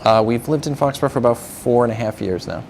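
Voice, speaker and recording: Interview guest, man, 30s, raspy low voice, filler-heavy answers, faint room hiss. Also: a little mellow. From New York area. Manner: halting, many uh fillers, agreeable. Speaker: physical therapist, guest.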